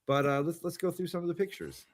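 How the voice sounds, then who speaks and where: A man's voice: a little high, quick pace. A man hosting a tabletop game show, chatting casually and rambling with many fillers and restarts. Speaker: podcast host. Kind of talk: casual chat.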